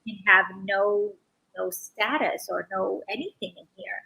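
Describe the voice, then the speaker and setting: A woman's voice: mid-range voice, a little slow, gravelly, sharp tone, slight background noise, rough recording. A middle-aged woman from the Bahamas, a guest in a casual interview, talking earnestly with frequent restarts.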